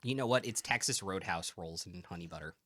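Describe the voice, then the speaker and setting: A man's voice: deep voice, brisk, pushed and bright, no room sound, clean studio sound. A man in his thirties hosting a casual whiskey tasting, chatty and enthusiastic as he describes the flavors. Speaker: whiskey review host.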